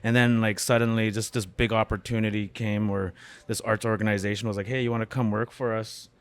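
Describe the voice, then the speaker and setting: A middle-aged Canadian man, born in Winnipeg, speaks a little fast in a lowish, clear, resonant voice with a flat delivery. A comedian and beatmaker, he chats as a guest in a cafe for a casual interview, full of fillers and restarts.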